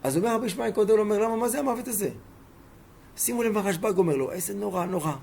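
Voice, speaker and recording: Gravelly-voiced rabbi teaching emphatically. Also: male voice, high-pitched, a little mellow. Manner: emphatic, fires rhetorical questions at listeners. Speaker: rabbi teaching a Torah class. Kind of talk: Torah lesson with storytelling.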